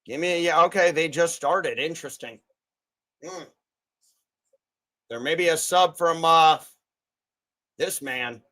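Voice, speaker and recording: A man's voice: fairly high pitch, measured pace, pauses often, a bit bright. A man hosting a live fight stream, giving betting commentary and cheering the fighters on. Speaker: livestream host.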